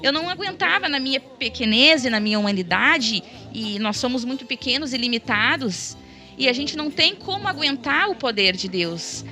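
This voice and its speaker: A woman's voice: high-pitched, expressive, normal speed, sharp tone. A woman gives a fervent, emotional religious testimony as a church guest, often tagging her sentences with "né?". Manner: fervent, tearful in tone, keeps tagging "né?". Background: background music.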